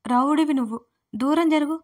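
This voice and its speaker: A woman voicing a feisty young female college student who protests loudly and indignantly. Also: a little high, a little fast, lightly acted.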